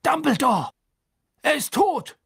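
A man voicing a panicked middle-aged male official in an audiobook, shrill and frantic. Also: wildly swooping pitch, measured pace, creaky, a bit bright, slightly rough, dry recording, studio quality, heavily acted.

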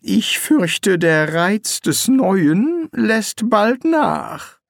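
A nervous, cowardly wizard talks in a raised, wary voice, as a man reading an audiobook puts him on. His pitch moves around a lot, and he stretches out his words. The recording is close and dry. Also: very animated, extremely slow, gravelly, no echo, full character voice. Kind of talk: audiobook character voice.

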